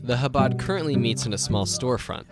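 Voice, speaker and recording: A man reading scripted documentary narration in a measured, even way. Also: mid-range voice. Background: music.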